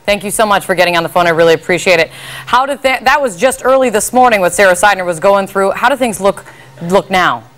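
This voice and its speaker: A woman's voice: medium pitch, fast, a bit bright. A woman news anchor conducting a live broadcast interview from a studio.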